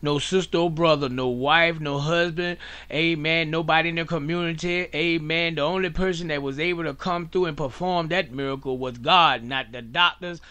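Pastor preaching with repeated amens. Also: male voice, on the high side, bright, forceful tone. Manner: preaching cadence, frequent amens, rhythmic lists. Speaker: pastor and radio host. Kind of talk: radio preaching.

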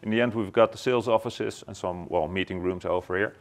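The speaker is a middle-aged man from the Netherlands, a company executive whose native language is Dutch and whose accent shows it. His voice is low-pitched and a little fast as he gives a factory tour, going from a warehouse to a glass-walled office and fielding questions with plenty of fillers and restarts.

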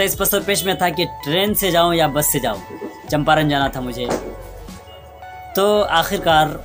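A young man earnestly recounting a personal memory, reflective, pausing and restarting as he talks. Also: a little high. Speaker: storyteller vlogger. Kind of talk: personal storytelling vlog. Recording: sad background music underneath.

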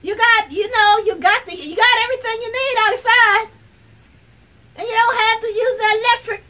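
A woman performs a comic monologue outdoors as a chatty, brash, older 82-year-old woman who rambles and addresses viewers directly. She uses an extremely high, sharp voice pitched above her own, at normal speed.

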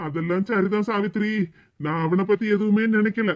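In this cartoon role, a voice actor with an everyday-sounding, medium-pitched voice portrays a guilt-ridden older husband from a village, speaking with a Kanyakumari Tamil accent. His delivery is heavy and reluctant, slow to explain, and the audio is dull.

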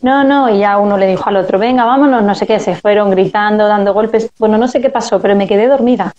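A woman's voice: medium pitch, flat delivery, quick pace, mellow, lo-fi sound. A woman speaking as a parenting guest in a casual live chat, telling anecdotes and acting out family dialogue.

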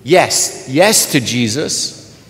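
A man's voice: medium pitch, animated, drawn-out words. A man serving as clergyman, reading the gospel and preaching a homily in a large church, his voice carrying a long cathedral-like echo. He speaks earnestly, searching for words and often restarting. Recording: long church reverb, faint room noise.

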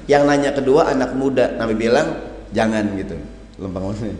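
Animated preacher in an echoey hall. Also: male voice, medium pitch, moderate pace, slight background noise. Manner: animated, acts out questioners, addresses audience as hadirin. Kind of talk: lively sermon with humor. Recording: echoey hall with long reverb.

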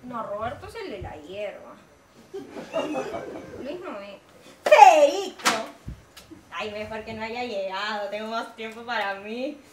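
A high, swooping voice in a roomy, distant stage recording: an actress as a stoned young woman in a comic play. She drawls and sighs, mocking and quick to panic. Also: animated, heavy background noise. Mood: dazed, drawling. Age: young adult. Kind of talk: stage comedy acting. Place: small theatre stage indoors. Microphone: distant camera.

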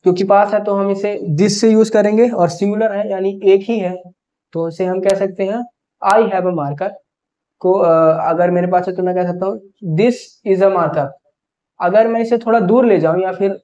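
A male teacher giving a grammar lesson for exam students, explaining step by step and slowing down to spell out example sentences. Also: sits high, fairly even intonation, warm tone, highs cut off.

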